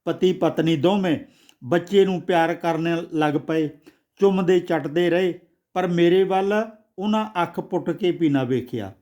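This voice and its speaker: A man's voice: fairly high pitch, measured pace, a little mellow, close to an everyday voice. A man voicing a resentful young man who talks in a rude, bitter tone in a storybook. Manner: rude, blunt tone.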